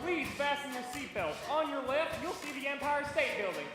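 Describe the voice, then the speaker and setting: An actor narrating a stage musical and playing a pilot making announcements, in a dramatic, announcing manner. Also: male voice, very high-pitched, animated, normal speed. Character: theatrical storyteller narrator and airline captain. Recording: echoey hall with music.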